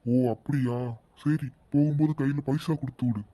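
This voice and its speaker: Brief: indulgent cartoon dad, calm and reassuring, very dark mellow tone, dry close recording, a man performing. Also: a little high, moderate pace, no room sound, natural voice. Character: easygoing village father, indulgent. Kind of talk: animated cartoon voice acting.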